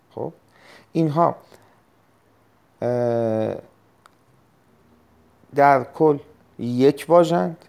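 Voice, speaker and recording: A man teaching a recorded test-prep lesson, explaining step by step, repeating key terms and clearing his throat often. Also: mid-range voice, warm tone. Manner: frequent throat clearing and hesitations.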